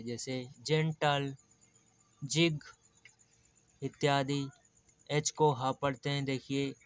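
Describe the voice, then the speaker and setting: Male tutor, slow, patient, crisp dry close voice. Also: medium pitch, no room sound. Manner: slow, explains patiently, repeats examples. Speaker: teacher. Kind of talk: teaching English pronunciation in Hindi.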